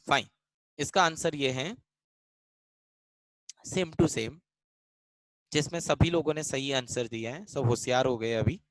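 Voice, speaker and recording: A man's voice: fairly high pitch, no echo, low-quality recording. A man teaching English grammar in a live online class in Hindi, mixing in English, repeating lines and calling students by name. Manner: switches between Hindi and English mid-sentence.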